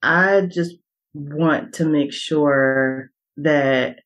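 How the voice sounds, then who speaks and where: A woman who works as a coach, a guest on a podcast, speaking in a reflective, halting way with restarts. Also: low-pitched, rough recording. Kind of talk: casual podcast conversation.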